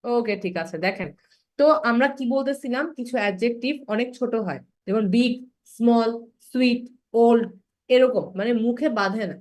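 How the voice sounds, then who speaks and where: A young woman teaching an English grammar class online, patiently explaining and slowing down to spell out example words. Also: fairly high pitch, darkish tone.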